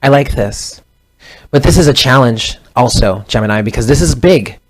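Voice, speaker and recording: At a moderate pace and with an expressive, medium-pitched voice, a man in his thirties offers an informal tarot reading. He meanders as he talks, conversational throughout, often revising what he says mid-sentence.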